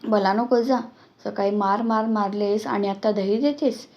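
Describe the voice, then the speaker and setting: A woman's voice: mid-range voice, steady tone, unhurried, darkish tone, dull audio, lightly acted. A woman voicing a frightened, sulky young village boy who pleads and complains, in a storybook reading.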